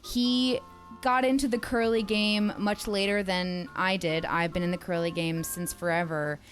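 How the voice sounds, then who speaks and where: A woman in her thirties recounts a story in a casual livestream chat, slipping into the voices of the people she quotes. Her voice sits at a middle pitch, with faint music in the background. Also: unhurried. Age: 30s. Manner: animated, acts out quoted dialogue. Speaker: streamer's girlfriend, guest.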